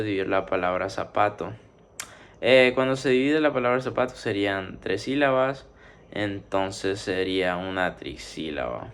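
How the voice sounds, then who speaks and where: Low gravelly guy explaining syllables step by step, stretches out the sounds. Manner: steady explaining, drawn-out syllables; methodical, works through numbered exercises. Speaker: teacher. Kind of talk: spoken grammar lesson.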